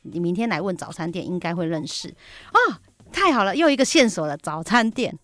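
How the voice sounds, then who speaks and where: A woman's voice: on the low side, a little fast, no room sound, faint music behind. A woman on a radio talk show, recounting an anecdote in casual chat and acting out the people she quotes. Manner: animated storyteller, acts out quoted dialogue. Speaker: real estate agent guest. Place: radio studio.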